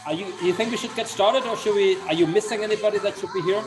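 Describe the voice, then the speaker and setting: Music plays behind this high-pitched, fast-talking man. He's a middle-aged Austrian sales executive, native in German and speaking with an Austrian accent, running a chatty, upbeat webinar over video call with effusive encouragement.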